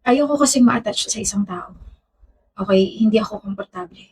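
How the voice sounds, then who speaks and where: A woman's voice: medium pitch, a little fast, a little mellow, husky, far from the mic. A woman voicing a guarded, curt young woman in a comedy skit. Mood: flustered. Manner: curt and defensive.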